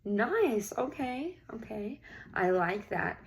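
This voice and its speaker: A woman teacher reads a picture book aloud to young children in an expressive storybook style, drawing out key words and offering encouraging questions and praise. Her mid-range voice is slow, with vocal fry, and the recording carries a little hiss or hum.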